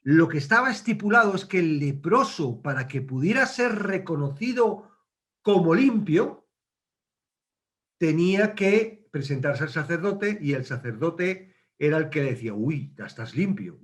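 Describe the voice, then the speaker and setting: A man's voice: a little high, sing-song, moderate pace, a bit bright. A man teaching a casual Bible study, conversational, asking questions and acting out quotes.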